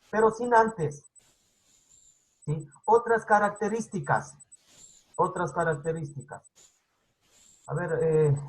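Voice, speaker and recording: A teacher from Ecuador speaking with a Quito highland accent, delivering an online class lecture. The voice is somewhat husky and breathy, set at a middle pitch. They explain things patiently and keep checking in with the class. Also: low-quality recording. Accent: Quito highland Spanish.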